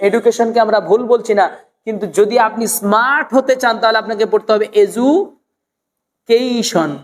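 A woman teaching an English pronunciation class, fairly high-voiced. She stretches each word slowly, repeats it and quizzes the viewer. The sound carries a long echoing reverb. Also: steady tone. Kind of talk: spoken English lesson.

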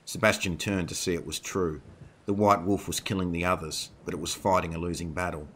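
A male narrator reads a horror story with a deep, low voice. His tone is bright and crisp despite the low pitch. His delivery is steady and measured. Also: slight background noise. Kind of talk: scripted narration.

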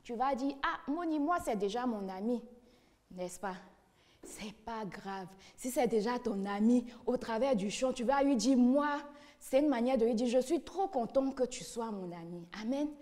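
Woman children's church teacher, high voice, encouraging, echoing hall reverb. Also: animated, normal speed, a little mellow. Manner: coaxing, encouraging, asks children questions. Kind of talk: children's church lesson with songs.

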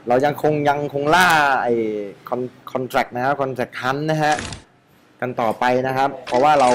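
A man's voice: mid-range voice, a little hiss or hum. A man hosting a gaming channel, talking casually over his gameplay, joking and swearing freely. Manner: chatty, swears freely, jokes to himself. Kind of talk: casual game commentary.

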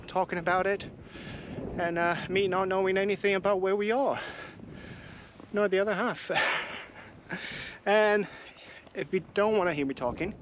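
An English man chats casually to the camera as he walks hilly countryside trails. His voice sits slightly high and sounds friendly and unhurried. Faint open-air ambience runs behind him. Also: a bit bright, slight background noise, low-quality recording. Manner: chatty, friendly, talks while walking uphill. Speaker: hiking vlogger. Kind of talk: casual walking vlog chat to camera. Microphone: camera mic while walking.

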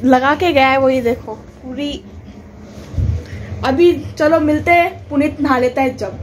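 A woman talks into a home vlog in a relaxed, playful way. Her voice is high, and her speech is unhurried. Faint noise sits behind her. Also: rough recording. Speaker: family member in vlog. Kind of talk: casual home chat.

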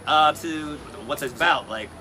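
His pitch is fairly high and his tone sharp, though the pace stays moderate, with slight noise behind him. He's a New York-born video channel host with an American accent, mixing English and Mandarin in a relaxed, question-heavy interview at garden seating by some apartment buildings.

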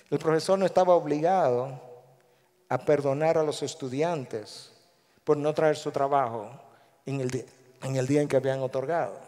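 Guatemalan pastor guy preaching, lively, does little voices, kinda high voice, big echoey church. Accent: Guatemalan Spanish. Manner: animated preacher who acts out quoted voices. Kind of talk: sermon. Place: large church sanctuary. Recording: long echo of a large church hall.

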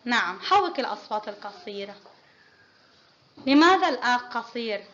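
High-voiced woman teaching kindergarten phonics. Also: lively intonation, moderate pace, a bit bright. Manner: patient, praising, quizzing pupils one by one. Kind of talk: classroom phonics lesson. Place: classroom. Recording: muffled lo-fi with faint noise.

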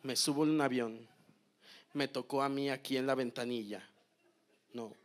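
A man in his thirties doing stand-up comedy, telling a story in a deadpan way, repeating phrases and then breaking into sudden loud bursts. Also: medium pitch, normal speed. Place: comedy stage.

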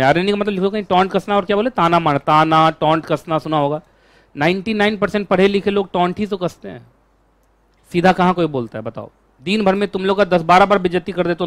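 A man teaching a law class, lecturing in an animated way and asking his students questions all the time. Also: high-pitched, no room sound.

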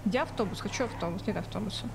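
A woman streams as a vtuber, chatting casually and muttering reactions as she plays. Her voice sits at a middle pitch and she swears freely. Faint game ambience runs behind her. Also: racing, creaky. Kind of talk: casual livestream gameplay commentary. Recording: game sounds and noise behind voice. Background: video game ambience.

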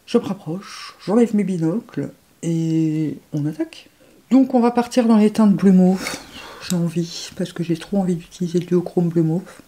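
A woman gushing over makeup swatches, excitable, often dropping to hushed murmurs. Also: lowish voice, normal speed. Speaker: beauty vlogger.

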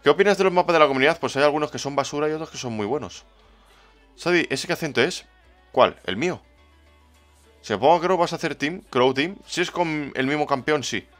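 This livestreamer, a man with a Spain Spanish accent, streams a game while chatting casually, reading the chat and greeting viewers by name. His voice is fairly high, brisk, and fairly bright, with faint music in the background.

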